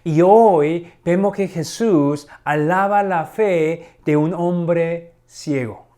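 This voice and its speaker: A middle-aged man preaching a sermon, teaching slowly and deliberately and asking rhetorical questions. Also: on the high side, warm tone. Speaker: pastor.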